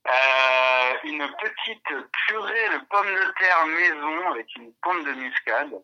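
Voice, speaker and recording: A man's voice: on the high side, expressive, slow. A man heard through a speakerphone with the phone held away from him, chatting casually with many hesitations. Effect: heard over speakerphone, phone held away from him. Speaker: friend's partner cooking dinner. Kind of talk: casual video call chat. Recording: dull distant phone speaker.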